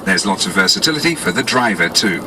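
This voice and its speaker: Speaking fast and very animatedly in a low register, a British ad narrator runs through scripted 1980s promotional copy like a polished salesman explaining his wares. The cassette tape has a noisy background with music.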